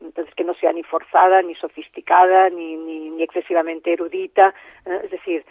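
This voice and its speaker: On a tinny phone line, a female radio guest who works as a Bible translator talks through her ideas with thought, frequently repeating and trailing off. Her voice sits on the low side, level in tone and moderate in pace, with no echo.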